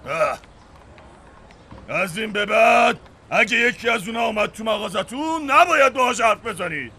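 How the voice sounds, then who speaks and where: An actor playing a blustering local strongman who shouts orders to the townsfolk in a dubbed TV drama. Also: high voice, animated, husky, exaggerated voice. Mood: commanding.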